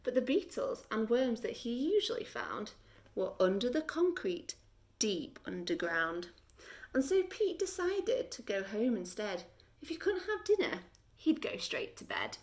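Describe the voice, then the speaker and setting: With a slightly high voice, a woman reads a children's story the way a teacher would, slow and deliberate, full of expression and dramatic pauses.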